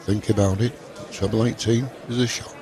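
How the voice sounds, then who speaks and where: Deep-voiced male darts co-commentator. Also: fairly even intonation, normal speed. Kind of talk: live sports commentary. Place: commentary position at darts event. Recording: crowd noise behind commentary.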